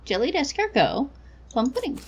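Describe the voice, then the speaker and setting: A woman's voice: sits high, very animated, moderate pace, darkish tone. A woman chatting casually as she plays a game and reads its text aloud. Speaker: game player.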